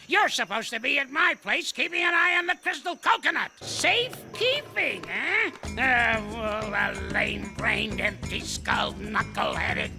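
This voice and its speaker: An actor playing a cranky old male ape in a cartoon, scolding and name-calling in a gravelly, crackly old voice. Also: heavily acted. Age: older. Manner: scolding and name-calling, swooping wildly in pitch. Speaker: grouchy elder ape in a cartoon series. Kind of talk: cartoon voice acting.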